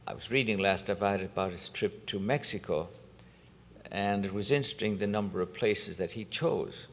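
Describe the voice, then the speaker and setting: Deep-voiced priest in a cathedral echo. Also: male voice, gravelly. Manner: measured, deliberate liturgical delivery. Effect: cathedral-like church echo. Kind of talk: gospel reading and homily. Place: large church. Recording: long church reverb.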